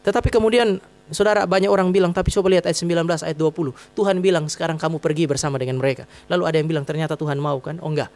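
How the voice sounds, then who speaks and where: A man's voice: a little high, steady tone, racing, a little mellow. A man preaching a sermon as pastor, conversational and humorous, acting out quotes as he tells stories. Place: church hall.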